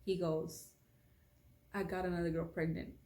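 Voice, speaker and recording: A young woman tells a story straight to camera in a loose, rambling way, full of fillers. Her voice sits low and mellow. The room around her is echoey. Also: flat delivery, moderate pace. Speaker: beauty vlogger. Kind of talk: casual storytime vlog.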